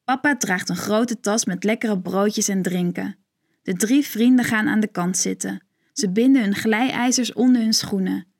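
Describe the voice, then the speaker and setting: A woman narrating a children's story in a gentle, clear storytelling manner. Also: mid-range voice, moderate pace.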